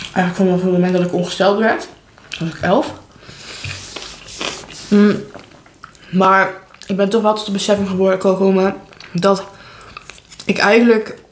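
Young adult female vlogger, candid mukbang chat, mid-range voice, roomy home recording. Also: mid-range voice. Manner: candid, informal, talking between bites. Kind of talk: casual chat while eating, mukbang vlog. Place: living room at home, indoors. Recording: echoey room, clear background noise.

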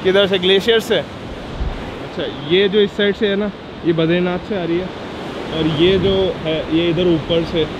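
A young man vlogging casually outdoors on a mountain trip, chatty and excitable as he talks to his viewers. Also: high voice, measured pace, highs cut off, background noise. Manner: chatty, excitable, often laughing along. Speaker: travel vlogger. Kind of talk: casual on-the-go vlog chat. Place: outdoors by a mountain river and waterfall. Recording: outdoor vlog with loud river rush.

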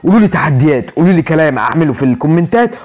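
Rapid excitable Egyptian gamer man. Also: on the high side. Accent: Egyptian Arabic. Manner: excitable, talks to himself, repeats words urgently. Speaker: gaming channel host. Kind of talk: live mobile game commentary.

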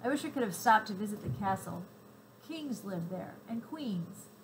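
A woman reading aloud, voicing a chatty, excitable little girl. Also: medium pitch, moderate pace, slight background noise, lightly acted, poor audio. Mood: chirpy.

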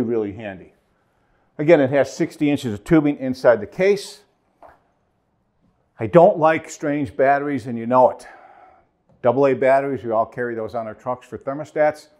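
A man's voice: medium pitch, a little mellow. A man in his forties demos a tool for heating technicians and leans hard on the points that matter. He talks with his hands and repeats himself for emphasis. He is close on a lapel mic in a treated studio room. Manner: emphatic, gestures a lot, repeats key points. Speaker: HVAC trainer for a distributor. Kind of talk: product demo and technical explainer. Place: indoor studio with whiteboard and acoustic foam.

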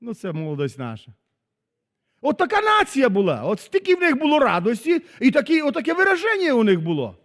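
A man preaching a sermon as a pastor, dramatic, swinging from loud exclamations to very soft asides. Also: very high voice, wildly swooping pitch, a little fast. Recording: long hall reverb.

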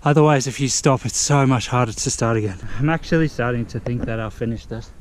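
A man's voice: medium pitch, fast, low-quality recording. A young man out of breath, talking to an action camera while he climbs a mountain road on a bike. His talk is strained and panting. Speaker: vlogger. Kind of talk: cycling vlog to camera. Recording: loud wind and road noise.

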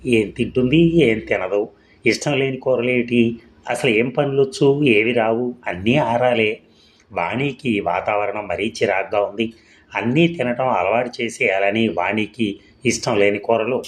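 A man narrating a short story in a measured, expressive storytelling manner. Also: fairly low pitch.

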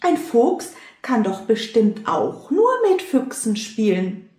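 A woman voicing a small, excitable mouse with a high piping, stammering voice, reading a storybook aloud. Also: slow pace. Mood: scolding. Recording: roomy echo.

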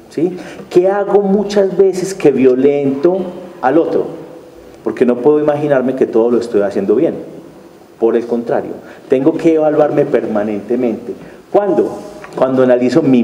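A man's voice: medium pitch, mellow. A man giving a conference lecture, engaging the audience with rhetorical questions and a frequent tag question. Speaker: conference speaker. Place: conference hall. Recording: echoey hall, faint background noise.

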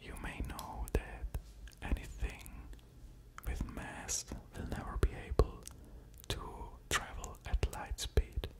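In a quiet little room at home, a thirty-something man delivers a whispered ASMR physics lesson, unhurried and deliberate. His mouth is very near a pair of pop-filtered studio condenser mics placed at ear level.

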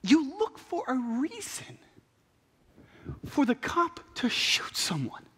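Young male preacher, high animated voice, passionate sermon, big hall reverb. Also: takes it slowly. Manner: passionate, animated, acts out what people say. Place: large church stage at a pulpit. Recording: long reverb of a large hall.

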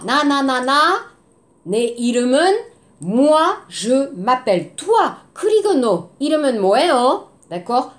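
Lively high-voiced woman teaching slowly. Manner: patient, repeats words slowly, mixes in Korean. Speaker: French teacher. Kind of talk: language lesson, drilling words.

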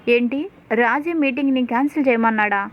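A woman's voice: a little high, a little fast, natural voice. A woman voicing an older businessman who fires off shocked questions on the phone. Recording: tinny phone-like sound.

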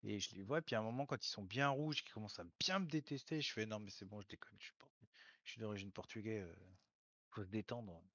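A man's voice: on the low side, fast, a bit bright, dry recording. Teasing man in muffled voice chat. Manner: teasing, joking banter. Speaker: gamer in a voice-chat squad. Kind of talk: casual gaming chat.

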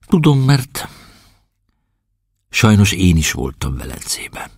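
A man voicing a young male prisoner who is dreamy and excitable and bursts into rapturous, pleading speech. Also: sits low, slightly rough, dry recording, studio quality, exaggerated voice. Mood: humble, sighing.

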